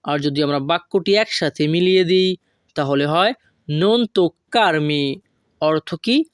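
A man from Bangladesh giving a language lesson, breaking phrases down and drawing out each foreign word slowly. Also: a little high, no echo, clean studio sound. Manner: slow, drawn-out word-by-word pronunciation of foreign phrases. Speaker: language teacher.

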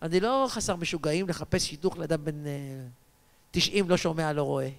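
A man's voice: on the high side, vocal fry. A man, a rabbi, telling stories in a religious lecture to an audience, acting out the dialogue and asking them questions. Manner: animated storyteller, acts out dialogue, asks the audience questions. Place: lecture hall before an audience. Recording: long hall reverb.

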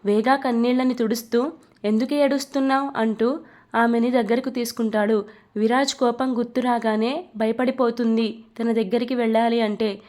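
A woman's voice: fairly high pitch, steady tone, moderate pace, darkish tone. A woman storyteller narrating a love story from a script and addressing her listeners directly.

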